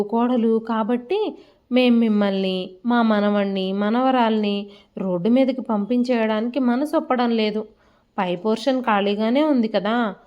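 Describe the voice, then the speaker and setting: A woman voicing a calm, dignified retired father who speaks in a measured, grave way in a family story. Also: on the high side, dull audio, lightly acted.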